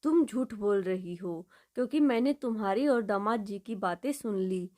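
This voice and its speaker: A woman storyteller voicing a caring middle-aged mother who speaks softly and soothingly to her grown daughter in a told story. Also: mid-range voice, expressive, moderate pace, close to an everyday voice. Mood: tender.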